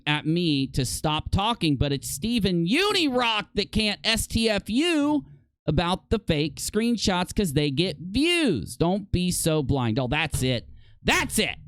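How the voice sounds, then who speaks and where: A man hosting a live stream, talking in a heated, exasperated rant with a lively pitch that jumps up when he gets worked up. His voice sits a little high for a man. The sound is dry and close, with no room echo. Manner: exasperated, heated ranting while reading posts aloud. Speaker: livestream host.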